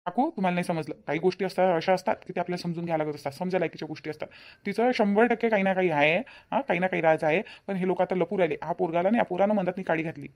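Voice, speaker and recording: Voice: mid-range voice, very fast, a little mellow, natural voice. A voice actor playing a meddling young village man in a cartoon, placating and persuading. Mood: persuasive. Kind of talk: cartoon voice acting.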